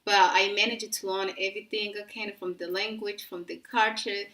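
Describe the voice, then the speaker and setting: A woman's voice: mid-range voice, level tone, moderate pace, bright, forceful tone. Young female vlogger from East Africa, loose rambling delivery, set back from the mic in an echoey room. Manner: rambling, many restarts and fillers. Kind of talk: casual talk to camera. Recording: roomy sound from a distance.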